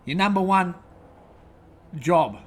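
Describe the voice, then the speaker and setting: A man's voice: sits high, lively intonation, takes it slowly, slight background noise. An Australian man hosting his own show, ranting angrily and rambling, swearing constantly. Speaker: host. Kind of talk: profane rant to camera.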